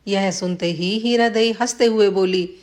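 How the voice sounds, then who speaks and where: A woman tells a village folk tale in a plain storybook reading. Her voice sits at a middling pitch for a woman. She gives the villagers' lines only a light touch. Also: unhurried, darkish tone. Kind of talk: scripted story narration.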